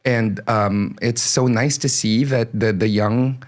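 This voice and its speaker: A man's voice: mid-range voice, fairly even intonation, takes it slowly. A man from the Philippines, a singer-songwriter guest on a podcast, talking in a chatty, laughing way with lots of fillers. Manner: chatty, laughs often, many fillers and restarts. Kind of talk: casual interview chat.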